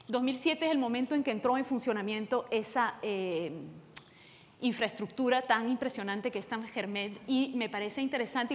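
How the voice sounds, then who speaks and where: Venezuelan-born woman presenting in a hall. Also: on the high side. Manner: explanatory, hurried, many fillers. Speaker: conference panelist. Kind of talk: conference presentation. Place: large conference hall.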